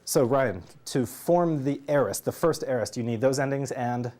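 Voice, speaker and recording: A man's voice: mid-range voice, normal speed, a little mellow. A man teaching a Greek grammar class, drilling students and joking with them. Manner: drills students, jokes and laughs. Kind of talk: classroom lesson.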